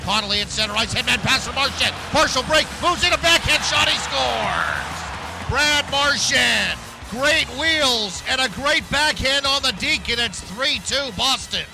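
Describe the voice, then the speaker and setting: Guy doing fast excited hockey play-by-play, high gravelly voice, music under the clip. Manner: excited calling of the action. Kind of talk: rapid hockey play-by-play commentary.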